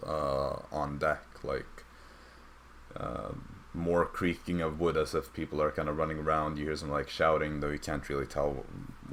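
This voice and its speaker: A young adult man narrates a tabletop game as dungeon master, his rumbling low voice a bit bright. He sounds hesitant and leans heavily on fillers, and a little hiss or hum sits under the audio.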